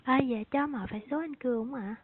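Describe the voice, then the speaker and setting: A woman's voice: high-pitched, fast talker. A woman working as a customer care agent, speaking in a polite, courteous customer service voice on a phone call. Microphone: telephone. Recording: tinny phone line with faint noise.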